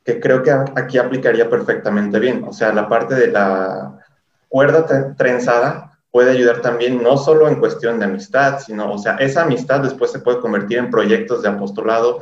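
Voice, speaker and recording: A man's voice: medium pitch, moderate pace, echoey room, dull audio. A male host, speaking reflectively in casual chat.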